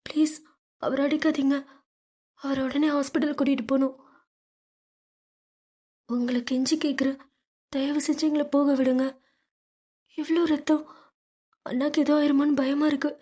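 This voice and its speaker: A woman's voice: high-pitched, a little mellow, slightly rough, pitched above the performer's own voice, exaggerated voice. A woman voicing a terrified young woman in an audiobook, tearful and pleading. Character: young woman, terrified sister begging thugs.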